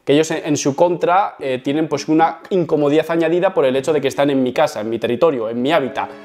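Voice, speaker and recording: A man's voice: fairly high pitch, quick pace, darkish tone, soft background music. A man, telling a story to camera in a chatty, self-mocking way. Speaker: YouTuber. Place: home setup facing a camera.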